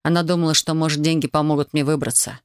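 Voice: medium pitch, fairly even intonation, fast talker, clean tone, no echo, close to an everyday voice. A reader voicing a young soldier husband, earnest and remorseful, in a dry audiobook recording.

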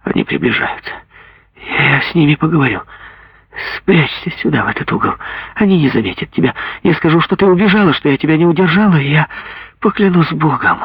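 A man voicing a distraught old recluse mother in an audiobook, with a husky, gravelly voice. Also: a little high, lively intonation, fairly quick, dry recording, voice pushed up, full character voice. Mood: urgent. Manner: pleading, swinging between rapture and terror. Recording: dull lo-fi dry recording.

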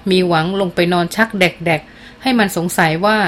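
A woman's voice: on the low side, normal speed, close to an everyday voice. A woman reading the lines of an easygoing, wry aunt chatting with her niece in a narrated novel. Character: easygoing single aunt, fond of dogs.

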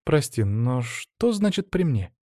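A flustered, hesitant young woman, as a male narrator voices her in a read-aloud story. The voice stays warm and mellow, dry and close to the mic. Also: medium pitch, expressive, fairly quick, dry recording, lightly acted. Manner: hesitant, surprised.

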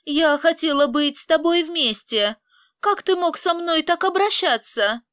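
A woman voicing a distraught, defiant young mother with shrill, tearful outbursts. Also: expressive, unhurried, a bit bright, no echo, clean studio sound. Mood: anguished.

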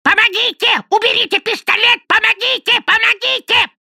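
A man's voice: very high-pitched, fairly even intonation, normal speed, vocal fry, pushed and bright, pitched above the performer's own voice, heavily acted. A man voicing a parrot that screeches piercing cries for help and begs for drinks. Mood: panicked. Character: shrieking parrot, a former bar bird.

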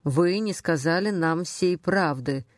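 A stubborn older man keeps pressing in a measured, stern voice, as a woman narrator plays him. Low in tone and recorded dry, for a storybook reading. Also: no echo.

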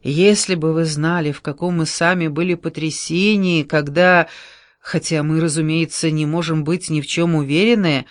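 Man voicing a flustered gentle giant. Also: fairly high pitch, steady tone, dry recording, clean studio sound, natural voice. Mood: tender. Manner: slow, hesitant, breathless delivery.

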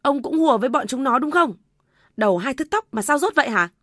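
A woman's voice: animated, a little slow, sharp tone, no echo, clean studio sound, heavily acted. A woman voicing a bitter elderly mother-in-law who shrieks, scolds and wails. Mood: shrieking. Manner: shrill, scolding, wailing.

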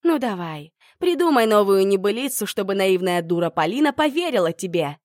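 A woman's voice: a little high, lively intonation, normal speed, no room sound, studio quality, voice pushed up, close to an everyday voice. A woman playing a tearful, furious young woman. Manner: tearful, shouting.

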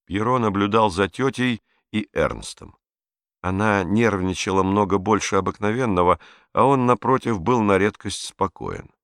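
A man narrating an audiobook in a calm, measured reading voice. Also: lowish voice, no echo, clean studio sound. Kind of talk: scripted narration.

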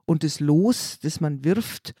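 A woman co-hosting a podcast who explains background calmly in casual chat. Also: low voice, takes it slowly, slightly rough, no room sound, clean studio sound. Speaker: podcast co-host.

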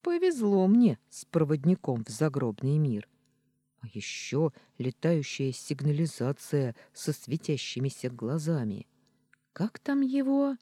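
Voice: medium pitch, huge pitch swings, measured pace, dark tone, no room sound. A reader doing a wry young heroine. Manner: wry, snorting remarks. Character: young woman, sardonic and quick-witted newcomer. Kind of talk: audiobook reading.

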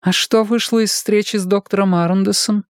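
A man voicing a stern woman head of government who speaks in a measured, authoritative way. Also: medium pitch, steady tone, dry recording, studio quality, voice pushed up, lightly acted. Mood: quietly probing. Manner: measured, authoritative, quietly commanding. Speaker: political leader.

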